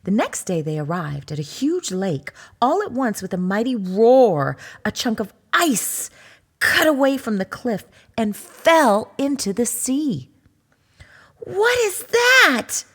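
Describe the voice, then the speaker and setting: A woman narrating a children's picture book at an unhurried pace, her voice breathy and soft. Her pitch rises and falls with lively expression, and she drops into gentle whispers for quiet moments. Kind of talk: storybook read-aloud.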